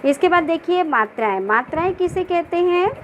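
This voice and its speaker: A woman teacher giving a grammar lesson, asking the class questions and answering them herself, repeating key points slowly and stretching out example words. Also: very high voice, lively intonation, lo-fi sound, a little hiss or hum. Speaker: school teacher.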